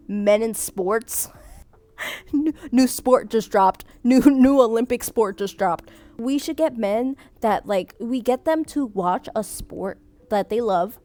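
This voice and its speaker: Reading viewer submissions aloud during a relaxed chat, an energetic young woman with a somewhat high voice laughs frequently and keeps restarting sentences she's cut short. Vietnamese was her first language.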